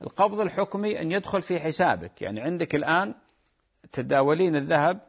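A man's voice: a little high, animated, fast, slightly rough. A man with a Gulf Arabic accent, an Islamic scholar answering callers' religious questions in a patient, explanatory way that repeats key points. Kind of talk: religious call-in Q&A.

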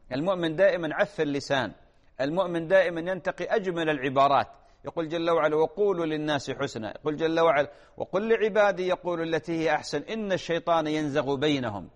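A man, preaching and answering viewers' questions, earnest and admonishing, then gently reassuring. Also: a little high, big-room sound. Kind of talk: religious talk show answers.

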